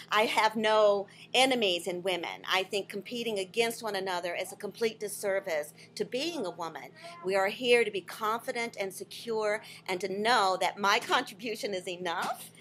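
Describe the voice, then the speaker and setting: A woman's voice: medium pitch, moderate pace, a bit bright, slight background noise. A middle-aged woman hosting a live chat show in a restaurant, speaking earnestly and upbeat. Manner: earnest, upbeat, talks about empowering women. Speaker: talk show host. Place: restaurant dining room, indoors.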